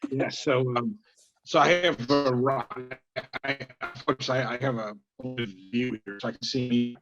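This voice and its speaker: A man speaking remotely over a video call whose audio keeps breaking up and cutting out, so he talks in halting stops and restarts. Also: medium pitch, steady tone, a bit bright. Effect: choppy, breaking-up call audio that cuts in and out. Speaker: town official presenting remotely. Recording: muffled lo-fi call with faint noise and clicks.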